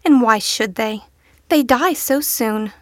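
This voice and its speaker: A woman voicing a gentle female unicorn who speaks hopefully and wistfully. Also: on the high side, slow pace, no echo, clean studio sound. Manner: hopeful, pleading.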